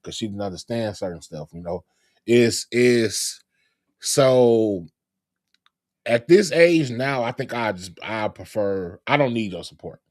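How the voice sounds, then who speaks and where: A man's voice: fairly low pitch, a little slow, no echo, clean studio sound. Laid-back rambling man talk-show host. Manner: relaxed, rambling, lots of fillers. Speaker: podcast host, comedian. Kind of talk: casual chat.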